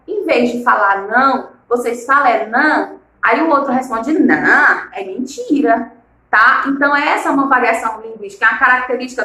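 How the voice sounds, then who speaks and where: A woman's voice: on the high side, sharp tone, echoey room, rough recording. A woman teacher from Maranhão with a northeastern Brazilian accent, explaining a lesson and asking the class rhetorical questions. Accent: Maranhão Brazilian Portuguese. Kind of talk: recorded online class lesson.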